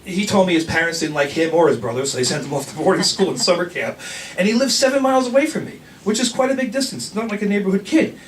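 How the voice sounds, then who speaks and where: An older man from the New York area telling a rambling personal story on stage, animated, with restarts and laughs. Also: sits high, quick pace, distant mic, a little hiss or hum.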